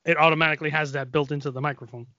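A man's voice: a little high, fairly even intonation, very fast, sharp tone, no room sound, lo-fi sound. A man with a nasal voice chatting casually as podcast co-host, rambling through stories with lots of fillers. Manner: rambling, loose storytelling with many fillers. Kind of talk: casual chat. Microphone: XLR microphone.

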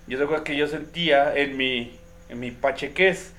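A man's voice: on the high side, normal speed, fairly bright tone. A man with a Mexican accent, co-hosting a podcast and telling stories in a slangy, laughing way. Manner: slangy, laughs often, acts out quotes. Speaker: podcast co-host. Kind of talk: casual chat, storytelling.

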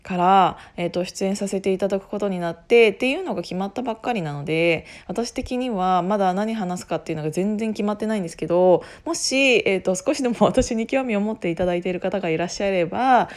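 Husky-voiced woman in casual solo chat. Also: medium pitch, quick pace, few pauses, a little mellow. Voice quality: husky, hoarse voice. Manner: rambling, self-interrupting, often laughing at herself. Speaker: podcast host making an announcement.

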